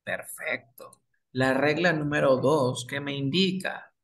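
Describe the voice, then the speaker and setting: A man's voice: medium pitch, fairly even intonation, a bit bright. A man whose first language is Spanish, teaching English grammar to beginners and repeating words as he quizzes the listener. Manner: repeats words slowly, asks and answers his own questions.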